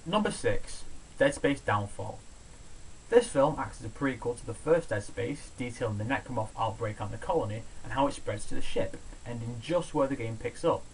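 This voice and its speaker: A man with a medium-pitched voice reads a scripted countdown review at a moderate pace, sounding sardonic, opinionated and sweary. He's a video reviewer who hosts a countdown show. The rough, amateur home recording carries a steady background hiss.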